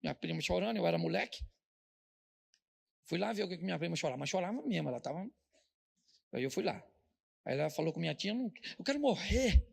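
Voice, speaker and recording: A man's voice: on the high side, fast talker, vocal fry, pauses often. A male pastor with a Brazilian accent preaching a humorous sermon, telling jokey stories and tossing rhetorical questions at the audience.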